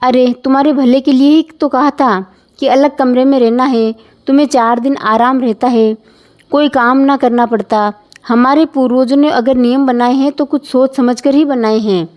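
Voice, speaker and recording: Strict traditional mother-in-law, voiced by a woman, scolding, insistent, high voice, storybook. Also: steady tone, normal speed, dull audio, close to an everyday voice.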